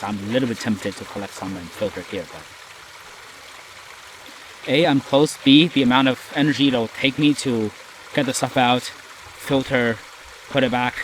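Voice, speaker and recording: Rough audio with some hiss or hum catches a mid-range male voice on a solo hike through a rainy forest, stream and woodland sounds behind him. Nasal and a bit tired, he records a casual, rambling diary that mocks himself.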